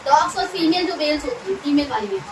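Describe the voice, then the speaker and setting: High-voiced woman tutor drilling a class. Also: expressive, crowd noise. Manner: quizzes students and repeats terms slowly. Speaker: science tutor. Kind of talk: classroom lesson with call-and-response drilling. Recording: echoey room, mic at a distance, audible noise.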